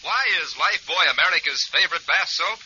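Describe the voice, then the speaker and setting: A man's voice: a little high, animated, fairly quick. A man delivering an emphatic hard-sell commercial in 1940s radio style. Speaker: advertising announcer. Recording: dull, hissy 1940s radio recording.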